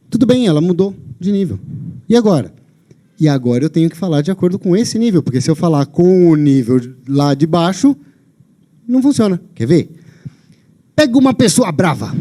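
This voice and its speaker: A man's voice: sits high, dark tone. A man with a Brazilian Portuguese accent giving a live lecture on a lapel mic, emphatic and often checking in with his audience. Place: lecture venue.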